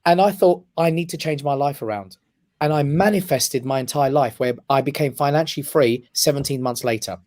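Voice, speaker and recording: In a radio studio, an English comedy club owner appears as a guest in a casual interview, speaking emphatically and passionately. His voice is mid-range and darkish in tone, and he talks fairly quickly.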